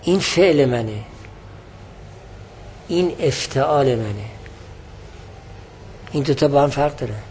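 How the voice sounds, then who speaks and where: A man's voice: medium pitch, lively intonation, long pauses, a little mellow, a little hiss or hum. A man lecturing on a religious text, patiently explaining word meanings and repeating key definitions. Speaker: teacher of religious texts.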